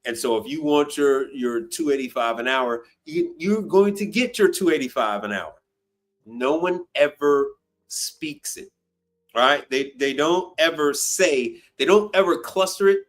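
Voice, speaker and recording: A man's voice: a little high, lively intonation, unhurried. A man in his fifties hosting a casual call-in live stream, blunt and profane, often repeating himself for emphasis. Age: 50s.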